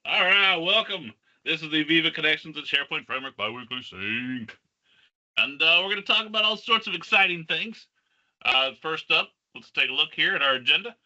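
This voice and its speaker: A man's voice: on the high side, lively intonation, sharp tone. A man hosting an online community call, talking upbeat and casual, his voice hollow and distant as if inside a barrel. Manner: upbeat, quick, many fillers. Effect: hollow, distant sound, as if inside a barrel. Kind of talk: casual online meeting presentation. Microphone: headset on a video call. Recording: muffled hollow headset audio.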